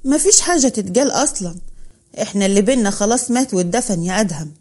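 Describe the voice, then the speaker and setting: A woman's voice: mid-range voice, expressive, very fast, darkish tone, breathy edge. A woman voicing a hurt young woman speaking coldly, with an Upper Egyptian accent. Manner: cold, dismissive.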